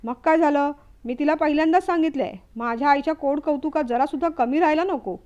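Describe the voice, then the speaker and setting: A woman's voice: high voice, fast talker, darkish tone, dull audio, natural voice. A woman voicing a spoiled, hot-tempered younger son who makes demands and sneers. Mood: cheerful.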